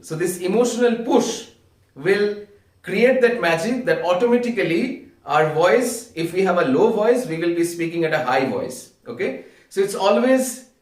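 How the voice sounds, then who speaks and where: A man with an Indian accent and a high-pitched voice coaches listeners on public speaking, earnest and deliberate, repeating phrases for emphasis. The microphone is distant and the room echoes.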